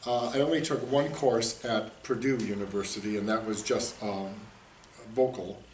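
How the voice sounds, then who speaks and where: A US-raised man in his sixties, a community theater director, answers interview questions in a casual, easygoing, rambling way, chuckling along. His voice is lowish, steady and somewhat dark at a moderate pace. The recording has roomy echo, a distant mic and faint hiss.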